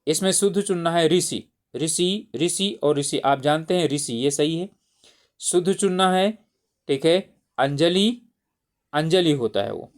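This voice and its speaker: Man, exam tutor, slightly high voice, patient, repeats words often, close mic. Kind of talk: explaining exam spelling questions.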